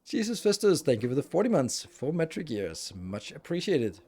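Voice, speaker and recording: His voice a little high, sing-song, and dark in tone at a moderate pace, a middle-aged man from Denmark hosts a gaming livestream in Danish-accented speech. He chats casually with viewers, making fun of himself and rambling with frequent restarts.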